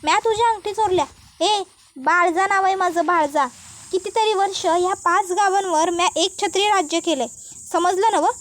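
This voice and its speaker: Brief: woman voicing a defiant older village matriarch, high-pitched, scolding rustic speech. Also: moderate pace, fairly bright tone.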